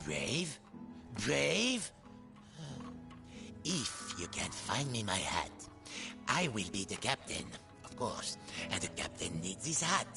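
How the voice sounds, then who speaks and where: A man voicing a gruff, pompous old hermit crab, a self-important captain, in a theatrical video game style. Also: mid-range voice, huge pitch swings, takes it slowly, over music, heavily acted. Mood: indignant, pompous. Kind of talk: video game character acting.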